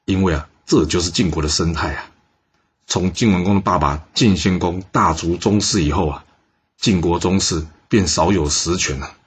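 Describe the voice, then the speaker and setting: A man's voice: low voice, moderate pace, slight background noise. A man telling a history story in a chatty way, often putting questions to the listener.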